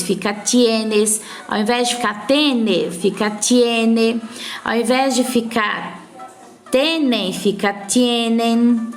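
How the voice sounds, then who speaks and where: A woman with a Brazilian Portuguese accent and a fairly high voice teaches a recorded Spanish class, captured by phone screen recording. She explains patiently step by step and often checks that her students are following.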